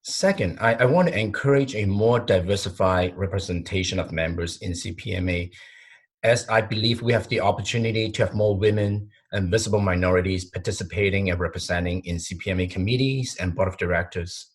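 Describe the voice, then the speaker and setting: A man's voice: low-pitched, slightly rough. A man, speaking sincerely and measuredly as a podcast guest. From Hong Kong. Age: 40s. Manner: sincere, measured, with some repeated words. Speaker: interview guest, company president. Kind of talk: conversational podcast interview.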